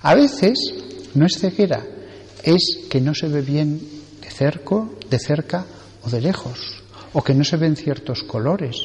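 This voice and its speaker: A Spanish priest delivers a sermon at a slow, deliberate pace. He leans on repeated phrases to press his points home. His voice carries a long reverb, as if he were speaking in a church. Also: on the high side, lively intonation, a little mellow. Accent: Spanish from Spain. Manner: slow, earnest preaching with emphatic repetition.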